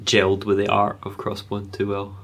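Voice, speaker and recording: Bright-voiced, low-pitched man chatting. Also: completely flat delivery, normal speed. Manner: hedging, many ums. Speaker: podcast co-host. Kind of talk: casual chat.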